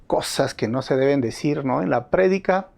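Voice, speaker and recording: A man with a Peruvian Spanish accent preaching a sermon as pastor, earnest and swinging between hushed and emphatic lines. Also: medium pitch, normal speed, vocal fry.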